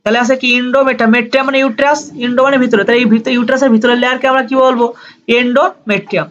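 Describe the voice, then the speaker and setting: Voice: medium pitch, fairly even intonation, very fast, a bit bright, highs cut off. A teacher giving a lecture on medical terms, who keeps asking questions and answering them himself and repeats each key term. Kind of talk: classroom-style lecture.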